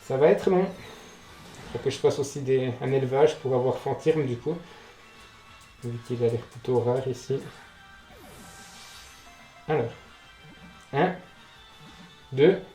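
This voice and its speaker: A man with a mellow, medium-pitched voice hosts a casual gaming let's play. He reacts out loud, swears and addresses the game directly. The room is echoey, with music playing behind him. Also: takes it slowly, pauses often. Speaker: gaming video host.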